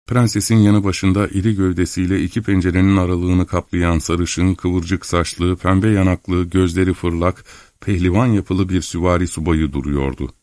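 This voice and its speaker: A man calmly narrating a literary novel in the first person as an audiobook reader. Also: deep voice, no room sound. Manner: calm, measured storytelling.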